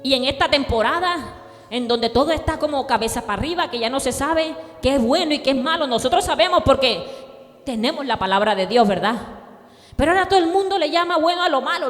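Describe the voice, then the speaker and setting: A woman pastor preaching a sermon with fervor, calling on the congregation to repeat after her and rising to shouts. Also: sits high, big-room sound. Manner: fervent preaching, rising to shouts, call and response.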